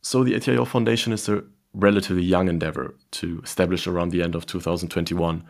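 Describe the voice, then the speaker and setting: A man's voice: deep voice, steady tone, fast talker, gravelly. A man hosting an interview podcast, asking formal, scripted-sounding questions. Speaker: podcast host.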